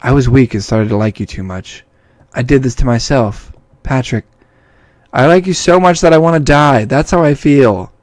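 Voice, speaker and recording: A man reading game dialogue aloud, voicing a cheerful but fragile teenage girl with a raised, soft girlish voice. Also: mid-range voice, moderate pace, dry recording, natural voice. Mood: despairing.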